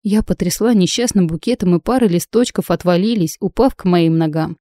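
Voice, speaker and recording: A woman reading a first-person story as an audiobook narrator, lively and expressive. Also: lowish voice, fairly quick, no room sound, studio quality.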